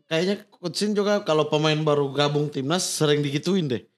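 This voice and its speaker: A man's voice: a little high, brisk. A man co-hosting a casual podcast who chimes in with short questions and summaries. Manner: short backchannels and brief questions.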